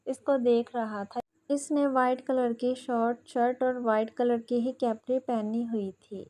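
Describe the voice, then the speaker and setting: Novel narrator, woman, steady dramatic read, slightly high voice. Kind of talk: storybook narration.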